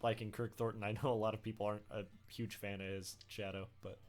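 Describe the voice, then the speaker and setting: A man's voice: lowish voice, level tone, fast. A man chatting casually as he hosts a gaming stream and reads viewer comments. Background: game music.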